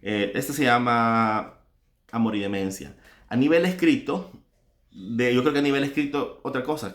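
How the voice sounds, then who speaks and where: Low-voiced man musing on songwriting. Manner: reflective, explaining step by step. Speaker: songwriter and singer. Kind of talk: casual spoken reflection on songwriting. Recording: echoey room.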